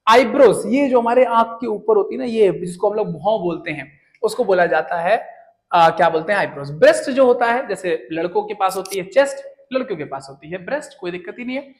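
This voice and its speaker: A young man gives a casual, joking lesson on English words, his voice high, expressive, and brisk. Chatty throughout, he often poses questions and then answers them himself.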